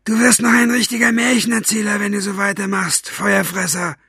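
A man's voice: high voice, level tone, fairly quick, gravelly, pushed and bright, breathy edge, no room sound, studio quality, pitched above the performer's own voice, heavily acted. A man reading an audiobook, voicing a brutish henchman who mocks and sneers. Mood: mocking. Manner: sneering, mocking.

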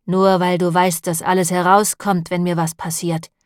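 A woman's voice: medium pitch, steady tone, unhurried, no room sound, studio quality, lightly acted. A woman reading the lines of a grim, cold-tempered butcher in an audiobook, speaking level and matter-of-fact. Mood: cold anger. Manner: level and matter-of-fact, turning quiet and menacing.

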